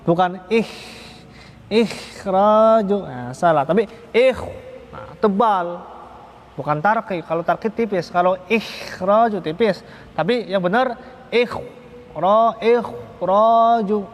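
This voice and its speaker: A man teaching Quran recitation rules in a slow, patient, repetitive lesson, sometimes chanting the examples in a drawn-out way. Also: sits high. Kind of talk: slow religious lesson on tajwid. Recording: echoey long reverb hall.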